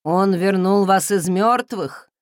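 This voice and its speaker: A woman reading an audiobook voices a quiet male servant who speaks slowly and dryly. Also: mid-range voice, no echo, clean studio sound, close to an everyday voice.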